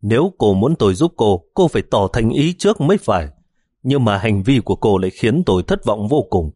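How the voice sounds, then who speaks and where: A man's voice: on the low side, lively intonation, fairly quick, mellow, husky, no room sound, clean studio sound. A man doing a cocky street-wise young cop. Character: cocky young male gangster turned cop.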